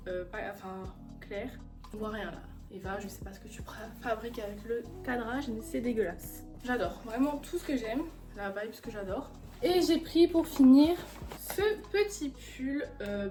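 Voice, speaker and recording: A young woman chatting casually in a haul vlog, gushing with enthusiasm over her purchases, with music playing behind her. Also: fairly high pitch. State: a little out of breath. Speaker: vlogger. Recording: background music.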